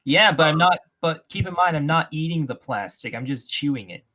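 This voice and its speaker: A man's voice: a little high, expressive, brisk, sharp tone. A young man co-hosting a podcast in casual chat with friends, speaking in a dry, matter-of-fact way. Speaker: podcast co-host.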